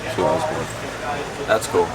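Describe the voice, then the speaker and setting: A man's voice: sits low, very animated, a little slow, gravelly. A man from Guyana, a van life vlogger chatting casually and asking eager questions. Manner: curious, eager questions with frequent backchannel. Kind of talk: casual chat. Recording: crowd chatter behind.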